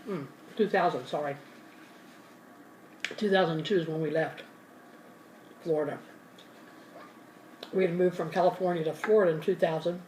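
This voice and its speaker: A woman's voice: lowish voice, normal speed, pauses often, darkish tone, recorded from a distance, slight background noise. A woman hosting an ASMR channel, telling a story in a casual, rambling way while eating, sometimes talking with her mouth full and correcting herself. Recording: roomy and from the mic, faint ambience.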